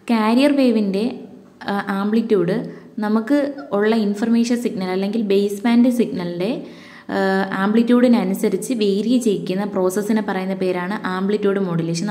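A woman with a Malayali accent teaching an exam-prep lesson, reading English definitions slowly, then explaining them in her own words. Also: medium pitch, mellow.

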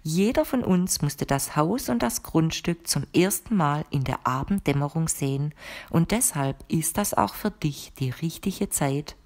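A woman reader voicing a composed, mysterious woman who speaks calmly and firmly to her guest in an audiobook. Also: sits low, a little slow. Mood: explaining calmly. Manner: calm, firm and matter-of-fact. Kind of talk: audiobook character reading.

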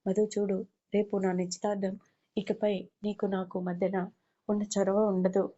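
A woman reading the part of a young man torn between his love and his father's wishes, in a gentle, pleading way. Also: medium pitch, flat delivery, normal speed, dull audio, lightly acted.

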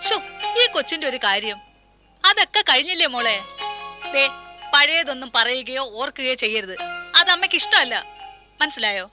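A woman's voice: high-pitched, sing-song, normal speed, pauses often, over music. An actress playing a mother who soothes and reassures her daughter in a motherly tone, in a TV serial. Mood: reassuring. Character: doting, reassuring mother of the bride. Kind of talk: TV serial acting.

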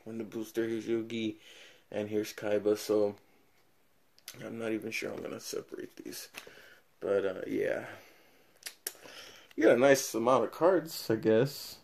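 A man's voice: fairly low pitch, a little slow, long pauses, darkish tone. Young man rambling through a card unboxing. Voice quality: level drops in and out as he moves. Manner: rambling, thinks aloud while opening packs. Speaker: card collector reviewing a product. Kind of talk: casual unboxing review. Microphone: camera mic, filming at an awkward angle.

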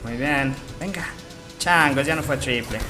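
A man with a Mexican Spanish accent giving live gameplay commentary as a streamer, jokey and profane, with sudden excited outbursts. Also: mid-range voice, measured pace, over music. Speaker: gaming streamer.

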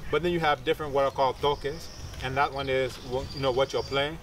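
Speaking fast with fairly even intonation, a man in his thirties explains things informally in an interview, adding asides as a teacher would; he is a researcher and martial arts teacher. His mid-range voice is picked up by a distant mic. Trees and bushes surround him outdoors, and insects and traffic can be heard.

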